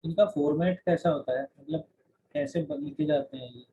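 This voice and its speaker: A man's voice: fairly high pitch, moderate pace, dark tone, breathy edge. A man teaching a class, explaining in Hindi mixed with English terms and often restarting his sentences. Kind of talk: classroom lecture. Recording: dull lo-fi recording.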